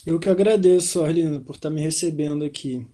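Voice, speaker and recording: A young doctoral researcher from Rio de Janeiro, Brazil, talks as a guest in a conversational interview held in a London hotel room. His slightly high, mellow voice comes out a little fast, and his relaxed delivery is sprinkled with fillers like "né" and "assim".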